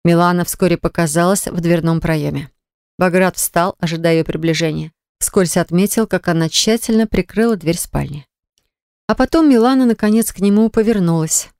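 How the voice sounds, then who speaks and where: A woman narrating a romance novel in a measured, expressive reading style. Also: on the low side, clear, resonant tone, no room sound, clean studio sound. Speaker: audiobook narrator.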